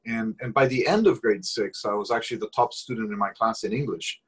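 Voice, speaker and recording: Speaking a little fast, this guest has a fairly low, fairly bright, slightly rough voice. He's a Brazilian man in his forties whose first language is Portuguese, interviewed over a video call webcam from a small room at home. He comes across as thoughtful, frequently restarting and repeating words.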